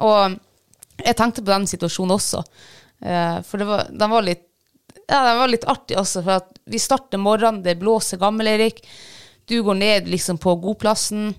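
A woman's voice: mid-range voice, fairly even intonation, clear, resonant tone. A woman telling a personal story in casual chat, candid and self-deprecating, often breaking into laughter.

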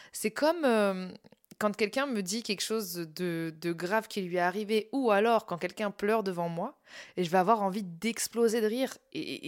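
A young woman with a tired voice, candidly talking through a personal podcast, laughing at herself and trailing off on fillers. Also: medium pitch. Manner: candid, self-mocking, laughs through serious points, many fillers and restarts. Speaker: podcast host and content creator. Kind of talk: casual personal podcast monologue.

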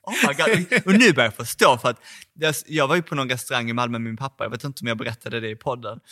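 A man with a nasal voice co-hosting a podcast in casual chat, talking loudly and expansively, with shrieking laughs. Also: medium pitch. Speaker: podcast co-host. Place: at a home.

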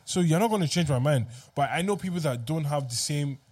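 Young man, higher-pitched husky voice, lively intonation, blunt slangy chat. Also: fairly quick. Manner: blunt, insistent, repeats phrases.

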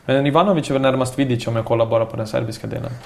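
A man's voice: mid-range voice, creaky. A man in his forties, a former footballer turned youth coach, telling stories in a casual interview with frequent restarts. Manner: talkative, animated storytelling with frequent restarts.

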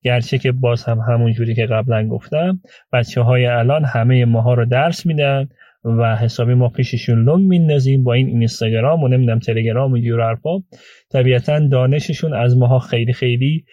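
A man hosting a storytelling podcast about legal cases, talking chattily with frequent hesitations, his voice hoarse from a cold. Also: medium pitch, steady tone, dry recording, muffled recording. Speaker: podcast host and lawyer recounting client cases.

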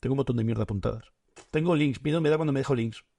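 A man's voice: mid-range voice, racing, vocal fry, mellow. A man co-hosting a casual podcast chat, joking around, stammering now and then and acting out silly voices. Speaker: podcast co-host.

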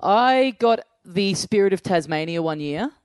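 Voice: mid-range voice, expressive, a little slow, clear, resonant tone, dry recording. A podcast co-host chatting casually with a dry, teasing manner. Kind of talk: casual banter.

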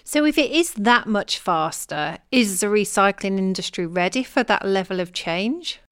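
A woman's voice: medium pitch, animated, moderate pace, smooth, no room sound, studio quality. A woman co-hosting an interview, asking questions in a friendly, direct way. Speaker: co-host.

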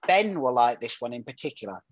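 A man's voice: mid-range voice, very animated, brisk, dry recording. Northern English man, dry close sound. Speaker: podcast host. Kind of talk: casual football podcast chat.

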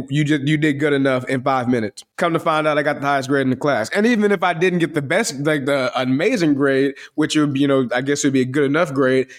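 A man with a voice that carries, telling stories on a podcast in a loose, rambling way, full of slang and restarts. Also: on the high side. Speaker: podcast co-host. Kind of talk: casual podcast chat.

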